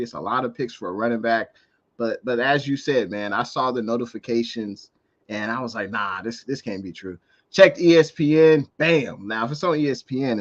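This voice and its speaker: A man's voice: medium pitch, fairly bright tone. American male call-in host, slightly dull audio. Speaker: host of a live sports call-in show. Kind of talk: casual sports commentary.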